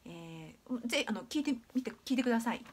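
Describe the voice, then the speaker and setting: A Japanese woman teaching English pronunciation in a video lesson, patient and clear, demonstrating sounds slowly with many drawn-out fillers. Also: fairly high pitch, expressive.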